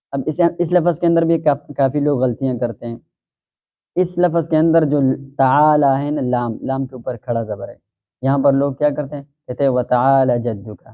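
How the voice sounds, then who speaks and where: A male Quran teacher explains common mistakes in prayer with calm, patient speech at a medium pitch. He often breaks off to recite phrases slowly and at length. The sound is thin and tinny, like a phone recording. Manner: explains calmly, then recites Arabic slowly and drawn out. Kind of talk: religious lesson on prayer recitation.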